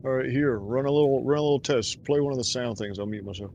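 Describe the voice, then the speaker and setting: A man's voice: mid-range voice, fast, a little mellow, lo-fi sound, a little hiss or hum. A man in casual gaming chat with friends, speaking in a matter-of-fact way. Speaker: fellow player.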